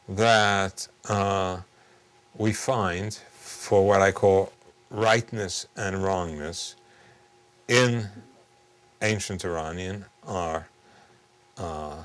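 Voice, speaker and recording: A man interviewed as a professor, explaining in a halting way with many fillers. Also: low-pitched.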